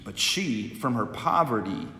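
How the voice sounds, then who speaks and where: Slow, measured priest reading and preaching, a man, heard through a long cathedral echo. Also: mid-range voice, animated, sharp tone, slight background noise. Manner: measured, repeats phrases for emphasis. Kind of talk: Gospel reading and homily.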